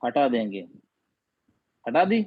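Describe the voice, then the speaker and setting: A man's voice: medium pitch, big pitch swings, slow, breathy edge. A male Quran teacher explaining reading rules in an online class, patiently quizzing his students again and again. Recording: dull lo-fi audio.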